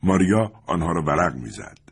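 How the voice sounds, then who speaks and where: A man narrating a literary story as an audiobook, in a measured, expressive reading. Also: sits low, breathy edge.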